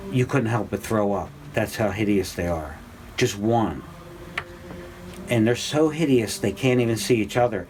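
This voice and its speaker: A man in his sixties giving an informal spiritual class, rambling and conversational with many fillers and restarts, climbing to a high, animated pitch when excited. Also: noisy background. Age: 60s. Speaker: spiritual teacher. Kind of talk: informal religious class talk.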